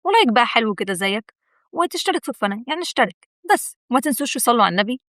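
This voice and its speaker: Fast-talking Egyptian woman, cheerful pep talk. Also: on the high side, sing-song, fairly bright tone, no echo, studio quality. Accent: Egyptian Arabic. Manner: chatty, encouraging, addresses viewer directly; repeats words for emphasis. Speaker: video host. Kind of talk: motivational talk to camera.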